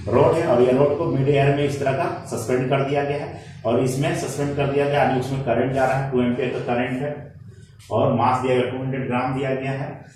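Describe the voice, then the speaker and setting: Guy teaching physics at the board, asks himself questions as he goes, mid pitch, sounds far off in a really echoey room with a little hiss. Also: little pitch movement, a little fast, a little mellow. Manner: explains step by step, asking himself questions; mixes Hindi and English. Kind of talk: classroom lecture at a board. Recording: very echoey room, distant mic, faint noise.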